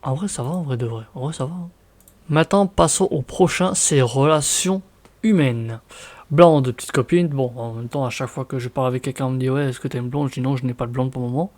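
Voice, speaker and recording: A man's voice: mid-range voice, a little fast, a little mellow. A young man from France with a French accent, chatting casually in a vlog, reading out words and reacting with surprise. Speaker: vlogger.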